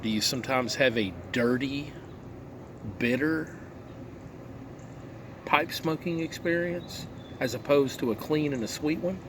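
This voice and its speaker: A man's voice: mid-range voice, a little slow, long pauses. A man giving a casual, rambling review while puffing on a pipe, musing aloud and asking himself rhetorical questions. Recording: clear background noise, vehicle-like ambience.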